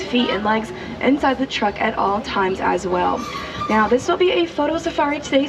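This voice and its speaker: A woman with a high-pitched voice gives rehearsed safari tour commentary. She speaks outdoors on a truck, with heavy crowd chatter and vehicle rumble around her.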